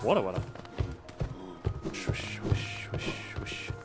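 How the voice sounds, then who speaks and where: Over faint music, a man streams his gameplay live at a slow pace, chatting casually. His playful, rambling commentary is broken up by exclamations and silly noises.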